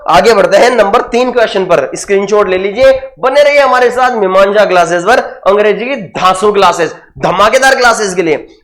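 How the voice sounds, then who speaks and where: A man with an Indian accent teaches vocabulary in an online exam-prep lesson, joking playfully, singing song snippets, making sound effects and repeating answers back as quiz prompts. He's an English teacher with a high, fairly bright voice.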